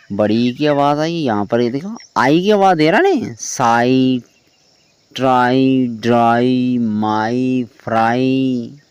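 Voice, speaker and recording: A man teaching English pronunciation rules, spelling words out letter by letter and often asking whether it is clear. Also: mid-range voice, a little mellow.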